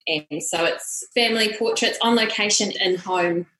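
A woman's voice: mid-range voice, normal speed, bright, forceful tone. A middle-aged woman speaks with a broad Kiwi accent in a conversational interview style. She sounds like a podcast guest, recorded in a roomy, echoey space. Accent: broad New Zealand (Kiwi). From New Zealand. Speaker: podcast guest, family portrait photographer. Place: room, standing with baby in arms.

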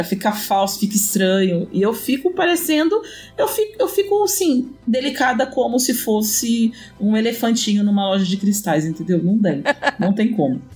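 A woman co-hosting a podcast, chatting casually and telling stories dramatically. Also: medium pitch. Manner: animated, dramatic storytelling. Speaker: podcast co-host. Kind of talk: casual chat.

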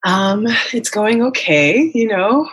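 A young woman talks openly about her writing and family as a podcast guest. Her voice sits at a middle pitch, and her speech is thoughtful and full of ums and likes. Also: lively intonation, takes it slowly, slightly rough. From Las Vegas and Miami, United States. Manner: thoughtful, many ums and likes, open and candid. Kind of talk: casual interview conversation.

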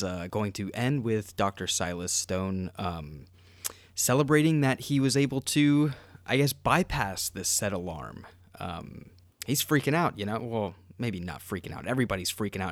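Low-voiced man co-hosting a podcast. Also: normal speed, no room sound. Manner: rambling, filler-heavy with frequent laughs. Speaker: podcast co-host. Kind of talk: casual podcast chat.

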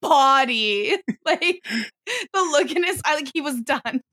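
High-voiced wry woman. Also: expressive, slow, sharp tone, no room sound, clean studio sound. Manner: wry, teasing, laughs often. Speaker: podcast co-host. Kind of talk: casual chat.

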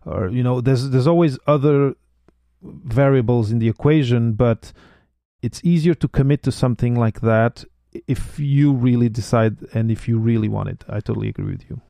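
Man, podcast host, casual interview chat, mellow tone, dry close sound. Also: mid-range voice, moderate pace, vocal fry, no room sound. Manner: hesitant, repeats words while thinking.

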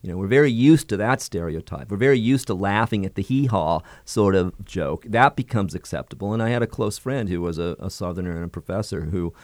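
Deep-voiced man, earnest critique. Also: animated, fairly quick, hardly any pauses, no room sound, studio quality. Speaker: interviewee, commentator. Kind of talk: interview commentary.

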